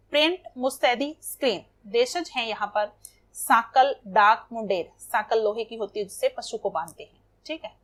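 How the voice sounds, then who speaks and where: A young woman with a slightly high voice teaches Hindi grammar to children. She talks patiently, repeating words and spelling out each example step by step. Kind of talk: classroom lesson explaining exercises.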